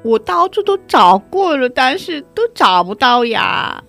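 A small furry storybook creature on the edge of tears, put on by a woman narrator, high and lilting with wide swoops in pitch. Soft and pleading, with faint music behind. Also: big pitch swings, unhurried, full character voice. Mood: sad, tearful. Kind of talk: storybook reading.

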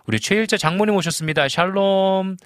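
A man's voice: high-pitched, fairly quick, no echo, clean studio sound. A man in his forties, a pastor hosting a live stream, reading out viewer comments and chatting casually with many fillers. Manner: chatty, warm greetings, frequent fillers and chuckles.

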